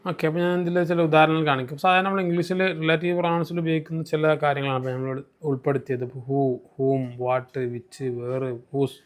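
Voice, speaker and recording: A man teaching Arabic grammar in a recorded lesson, slowing down to spell out terms and repeating key points. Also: a little high, flat delivery, smooth.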